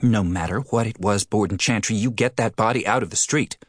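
A man's voice: lowish voice, fairly quick, dry recording, studio quality, voice pushed up, close to an everyday voice. A male audiobook reader voicing an older frontier postmistress who scolds and nags indignantly. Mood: scolding. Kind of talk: audiobook character voice.

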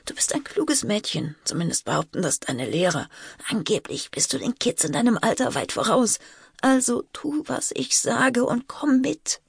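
A woman voicing a panicked teenage girl who urges her little sister in hushed, urgent whispers, as whispered role-play. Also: a little high, big pitch swings, moderate pace, creaky, slightly rough, no room sound, clean studio sound, pitched above the performer's own voice, exaggerated voice.

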